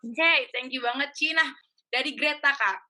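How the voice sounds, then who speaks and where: A woman hosting a casual Q&A in a friendly, chatty manner, often calling out to her audience as "guys." Her voice is high and bright, with a lively, forward edge. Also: moderate pace. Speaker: host.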